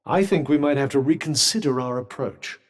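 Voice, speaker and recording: An actor with a British accent voicing an urbane, dry-witted, sardonic magic cuff in a video game, speaking in a formal, articulate way. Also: male voice, medium pitch, fairly quick, close to an everyday voice. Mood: measured advising. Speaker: video game companion character. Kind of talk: scripted game dialogue.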